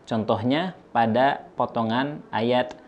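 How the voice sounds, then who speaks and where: A man teaching recitation in an instructional style, over-enunciating each sound with deliberate articulation. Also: mid-range voice, muffled recording, a little hiss or hum. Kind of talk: instructional tajwid lesson with recited examples.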